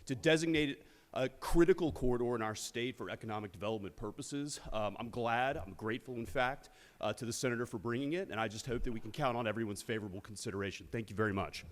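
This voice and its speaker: A man delivers a senator's floor speech in support of a measure. He talks quickly, and his voice carries long echo from the large chamber. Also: mid-range voice. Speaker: state senator. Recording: echoey legislative chamber.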